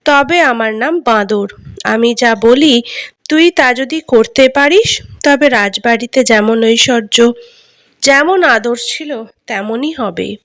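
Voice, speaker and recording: A woman's voice: on the high side, takes it slowly, fairly bright tone, dry recording. A woman voicing a devoted forest monkey in a storybook, earnest and coaxing. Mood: reassuring.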